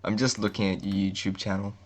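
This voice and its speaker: Male co-host, lowish voice, dry deadpan humor. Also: quick pace. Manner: dry, joking banter. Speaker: podcast co-host. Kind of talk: casual gaming podcast chat.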